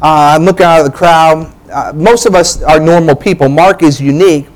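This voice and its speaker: A man preaching a sermon as pastor, energetic and playful, teasing the congregation and checking in with "all right?". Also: on the high side, normal speed, poor audio. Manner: energetic, joking preacher who keeps asking "all right?".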